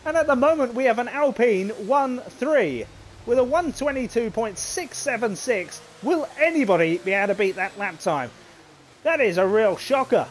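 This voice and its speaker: Excitable man calling a sim race. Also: high-pitched, a little hiss or hum. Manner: excitable, chatty, British turns of phrase, frequent fillers. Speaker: race commentator. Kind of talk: live sim-racing commentary.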